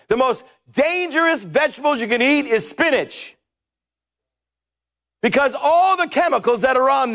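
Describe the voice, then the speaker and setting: A middle-aged man preaching a humorous, animated sermon on a church stage with a headset mic, now and then shouting his points. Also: very high voice, vocal fry. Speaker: pastor.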